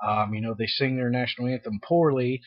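A man's voice: mid-range voice, steady tone, a little fast, no room sound, highs cut off. Wry, blunt middle-aged man. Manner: blunt, wry, opinionated remarks with frequent ums. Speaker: father reacting to anime characters. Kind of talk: casual reaction chat.

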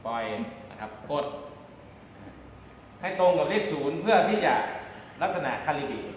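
A man's voice: on the high side, big pitch swings, a little slow. Man teaching in a very echoey room. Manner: step-by-step explaining with frequent polite particles. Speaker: radio communications instructor. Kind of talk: hands-on demonstration lesson. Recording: very echoey room, background noise.

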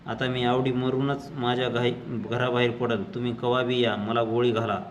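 A man voicing a defiant, fiercely protective poor villager who speaks in loud, angry declarations. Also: medium pitch, little pitch movement, moderate pace, a little hiss or hum, close to an everyday voice.

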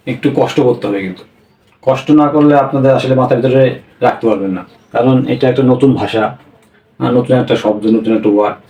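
A man teaching a language class, explaining slowly and repeating each point, often checking with a quick "yes?". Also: mid-range voice, a little mellow. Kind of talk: classroom-style lesson. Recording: echoey room, voice from a distance.

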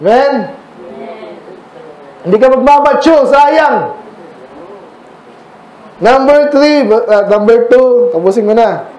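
A man's voice: extremely high pitch, takes it slowly, pauses often, a little mellow, reverberant, poor audio. A man with a Filipino accent preaching a sermon as pastor, talking with the congregation and asking them questions. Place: church.

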